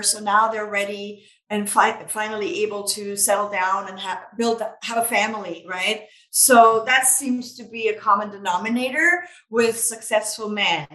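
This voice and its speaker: Her voice is a little high and comes across pushed and bright. She's an Austrian business founder whose first language is German, explaining things casually in an interview and saying "you know" a lot, all in an echoey, roomy space.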